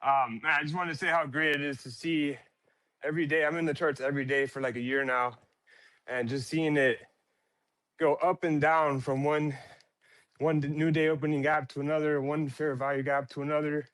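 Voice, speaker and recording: Casting note: winded forties guy on a phone call, slightly high voice, eager and grateful. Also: fairly even intonation, normal speed, fairly bright tone, no room sound. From Miami, Florida. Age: 40s. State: out of breath. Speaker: caller, trader. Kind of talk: casual chat on a live audio room. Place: at work, walking in a hospital.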